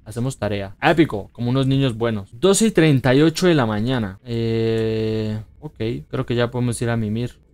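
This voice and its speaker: A man's voice: mid-range voice, moderate pace, a little mellow, clear, resonant tone. A man giving chatty, casual commentary while playing a horror video game, reacting aloud and swearing now and then. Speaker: gaming YouTuber. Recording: music playing behind the voice.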